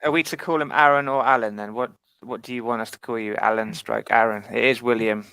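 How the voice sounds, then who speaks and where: A man's voice: medium pitch, fairly even intonation, a little fast, gravelly, sharp tone, clear, resonant tone, dry recording. A man hosting a casual football fan podcast panel, teasing his guests as he steers the chat. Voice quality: bantering, teasing. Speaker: host.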